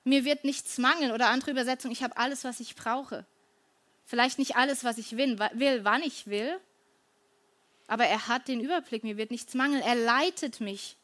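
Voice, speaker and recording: A woman's voice: fairly high pitch, normal speed, fairly bright tone. A middle-aged woman giving an earnest, conversational devotional talk, often turning to her listeners with questions.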